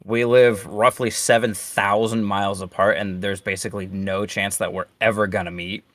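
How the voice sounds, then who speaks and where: A man with a fairly low voice speaks on a casual panel. He tells his story in a calm, reflective way. The sound is dry and close. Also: moderate pace, no echo. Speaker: panelist, songwriter. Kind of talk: casual online panel chat.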